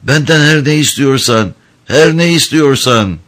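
A man voicing a badly wounded merchant with a hoarse voice, reading a storybook. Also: mid-range voice, unhurried, a bit bright, voice pushed up, lightly acted. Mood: faint pleading. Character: bleeding wounded male merchant.

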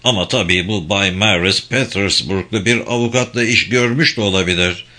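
A man's voice: lowish voice, moderate pace, sharp tone. A man reading a friendly middle-aged lawyer. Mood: obliging. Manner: helpful, obliging. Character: friendly small-town lawyer, man in his fifties.

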